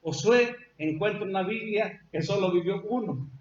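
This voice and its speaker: A Salvadoran-accented pastor preaches in a high voice, telling the story emphatically and drawing out repeated phrases. The recording has a roomy echo and a dull, lo-fi sound. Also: male voice, normal speed. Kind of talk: sermon. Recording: echoey dull lo-fi church recording.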